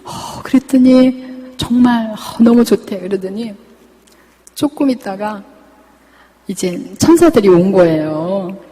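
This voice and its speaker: A woman religious sister giving a spoken testimony, telling the story in a lively way and acting out the dialogue she recounts. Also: medium pitch, slow, long pauses, husky. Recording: long reverb of a hall.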